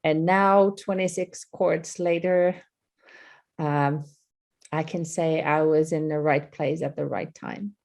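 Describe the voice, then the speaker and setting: A woman from Finland with a Finnish accent, a guest telling her story in a friendly, unhurried way on a video call. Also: deep voice, steady tone, vocal fry, darkish tone. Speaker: guest, business owner. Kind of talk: casual online interview.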